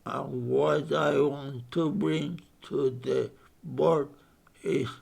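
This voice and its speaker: Man, 50s, speech impairment, very slow and gravelly, halting short phrases. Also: on the high side, steady tone, darkish tone. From Spain. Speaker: board candidate. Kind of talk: self-introduction speech.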